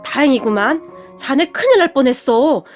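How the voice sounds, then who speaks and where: A worried middle-aged mother, fretful and quick to fuss, as a woman puts her on with a high, rising voice. Soft music sits faintly behind this storybook telling. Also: expressive. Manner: anxious, fretful.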